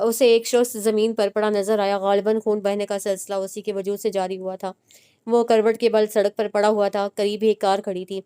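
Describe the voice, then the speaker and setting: A woman narrating a romance novel with a steady, measured reading. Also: medium pitch, smooth.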